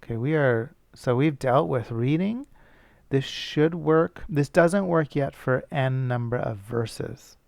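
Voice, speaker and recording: A man's voice: medium pitch, slow pace, gravelly, darkish tone, dry recording. A male teacher thinking aloud as he works through a coding problem, casual and self-correcting. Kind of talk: screencast coding lesson.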